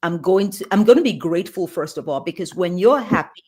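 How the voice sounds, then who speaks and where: A woman with a somewhat low voice answers interview questions earnestly. She talks with emphasis and often restarts her phrases mid-thought. She sounds like a guest sharing her experience. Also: lively intonation, brisk, mellow, breathy edge. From Nigeria. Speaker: guest pediatrician and leadership coach.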